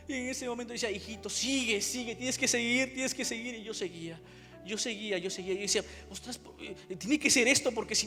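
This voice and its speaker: A man's voice: high voice, a bit bright, big-room sound. A man with a Spain Spanish accent preaching a testimony, emotional and repeating his phrases as he reenacts his own cries. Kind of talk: sermon testimony. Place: church.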